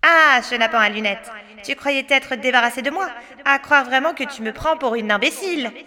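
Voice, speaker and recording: Woman playing a shrill gloating storybook witch, spiteful and boastful, sharp bright tone, long hall echo. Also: normal speed. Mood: menacing.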